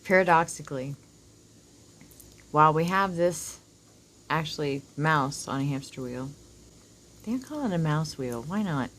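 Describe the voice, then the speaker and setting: A woman with a low voice and a whistling s talks casually to her viewers as she reads oracle cards. Her delivery is slow and wandering, with informal asides and some swearing. Faint noise sits behind the voice. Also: lively intonation, fairly bright tone. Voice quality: whistling s from dental work. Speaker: oracle card reader, host. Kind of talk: casual card reading to viewers.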